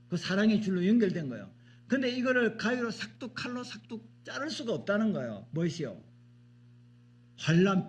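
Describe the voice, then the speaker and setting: A male pastor preaching a sermon in a church, emphatic and repetitive, often asking the congregation questions. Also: high voice. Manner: emphatic, repeats words, asks the congregation questions. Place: church sanctuary.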